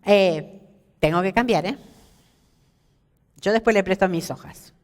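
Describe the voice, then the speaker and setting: At a women's seminar in a church hall, a woman teaches a Bible lesson at a measured pace, her medium-pitched voice leaving a long reverb tail. She's lively, asks the audience questions, and jokes about herself.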